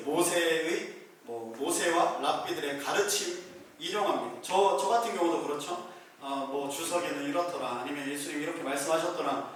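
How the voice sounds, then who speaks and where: A pastor with a fairly high voice gives a conversational sermon in a small church room, telling stories in a lively, relaxed way and acting out the scenes. The room is very echoey, the mic distant, with faint noise underneath.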